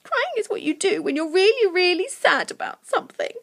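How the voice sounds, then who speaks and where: Woman playing an earnest young girl, very high voice. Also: big pitch swings, fairly quick, creaky, exaggerated voice. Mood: tearful, explaining. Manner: earnest, emotional. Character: Lucy, young girl, earnest, plucky, easily upset.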